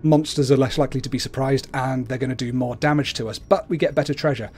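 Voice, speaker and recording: A man's voice: mid-range voice, steady tone, fast talker, a little mellow. A man hosting a livestream, casually explaining the video game he plays. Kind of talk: casual explanatory gameplay commentary. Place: indoors at a computer, webcam.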